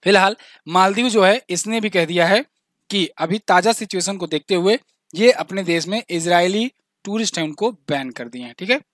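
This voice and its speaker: Male exam-prep tutor, high-pitched, talky, repeats facts, dead-dry close recording. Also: animated, moderate pace, a bit bright, dry recording. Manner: chatty, explains with asides and little jokes; repeats key facts, says "ठीक है ना" often. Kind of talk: current affairs quiz lesson.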